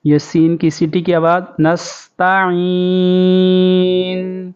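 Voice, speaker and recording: A Pakistani man teaching Quran recitation, his voice high and smoothly resonant. He chants each verse slowly and melodically, then explains the pronunciation rules in quick speech. The recording sounds dull and lo-fi. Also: fairly even intonation, darkish tone. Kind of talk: tajweed lesson, slow recitation and quick explanation.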